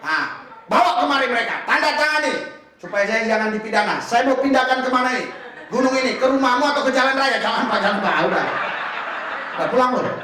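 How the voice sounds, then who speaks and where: Male pastor, high-pitched, animated storytelling sermon, heavy room echo, off-mic. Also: quick pace. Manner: lively storytelling with bursts of shouting and laughter. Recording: roomy echo from far off the mic.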